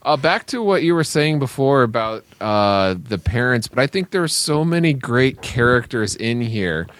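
A man in a casual movie discussion, halting and searching for words. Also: medium pitch, very animated, fairly bright tone, no room sound.

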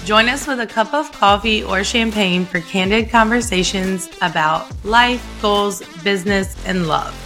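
A woman's voice: mid-range voice, pushed and bright. A woman in her thirties co-hosting a podcast, chatting casually in an upbeat, confident way and laughing often. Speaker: podcast co-host and editor. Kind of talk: casual chat, scripted intro.

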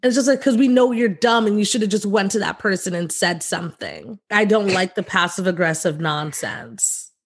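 A woman's voice: medium pitch, animated, moderate pace, hardly any pauses, breathy edge. Blunt young woman podcast co-host. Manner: blunt, frank, swears freely. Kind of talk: casual chat.

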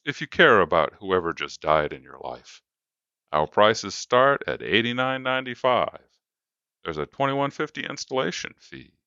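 A man's voice: lowish voice, pushed and bright, smooth, dry recording, pitched above the performer's own voice, heavily acted. A brash, pushy coffin salesman who rattles off prices with slick patter, as a man puts him on. His voice rises above a plain, dull-sounding dry recording. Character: pushy smooth-talking male coffin salesman.

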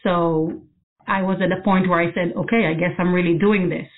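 A woman, answering interview questions as an architect in a thoughtful way with many pauses and restarts. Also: fairly low pitch, fairly even intonation. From Israel. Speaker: guest architect. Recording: phone-like narrow sound.

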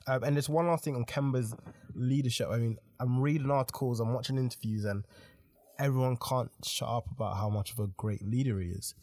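A man's voice: mid-range voice, brisk, no echo. Matter-of-fact man in a dry room. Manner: runs through the list of teams with steady, matter-of-fact verdicts. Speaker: podcast co-host. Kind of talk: casual sports chat.

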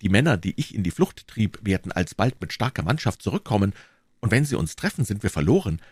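A man's voice: fairly low pitch, big pitch swings, fairly quick, a little mellow, husky, no room sound. Honorable young swordsman, voiced by the male audiobook reader: firm, polite, close dry mic. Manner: firm and courteous.

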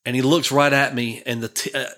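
Bright-voiced man telling a family story. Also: medium pitch, flat delivery, a little fast. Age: 50s. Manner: rambling, digressive, conversational. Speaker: church minister. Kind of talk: personal storytelling.

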